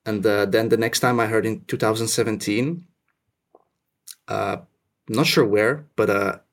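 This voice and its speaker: Young male guest, low gravelly voice, easygoing and self-mocking. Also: unhurried. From Russia, raised in Finland. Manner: relaxed, self-deprecating, many restarts. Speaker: podcast guest. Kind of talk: casual interview chat.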